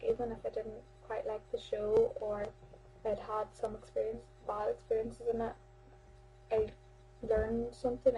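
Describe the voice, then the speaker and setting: A teenage girl from Ireland chats casually to her webcam in a vlog about amateur theatre, rambling along with lots of fillers and restarts. Her voice is fairly high and mellow, and the audio quality is poor.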